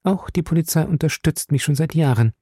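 A man's voice: fairly high pitch, fairly quick, mellow, breathy edge, dry recording, clean studio sound, pitched above the performer's own voice. A man doing a raised, earnest young lady. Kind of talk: audiobook reading.

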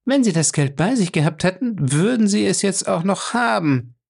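A man voicing a calm, firm young woman in an audiobook who speaks with cool sarcasm. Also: high voice, normal speed, gravelly, voice pushed up, heavily acted. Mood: cool ironic.

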